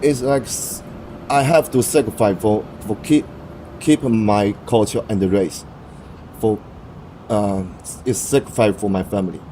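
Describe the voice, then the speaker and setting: A young Taiwanese man, Mandarin Chinese being his first language, answers interview questions in English in a halting way, searching for words and restarting frequently. His voice is lowish and mellow. The recording is rough, with a little hiss or hum.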